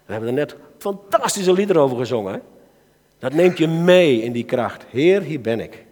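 A man's voice: on the high side, moderate pace. Dutch man preaching in a reverberant hall. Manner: lively, swings between soft asides and loud exhortation. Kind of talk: sermon. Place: church hall.

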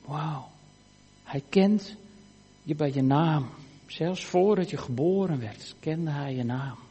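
A man preaching a sermon in a church, earnest, moving between emphatic lines and hushed, quiet ones. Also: on the high side, slow, slightly rough. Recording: church hall reverb.

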